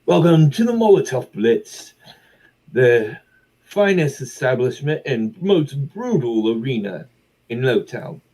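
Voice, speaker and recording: A man's voice: mid-range voice, sing-song, unhurried, mellow, voice pushed up, rough recording. A man voicing a flamboyant baroness who welcomes a crowd to an arena with grand, showy announcing.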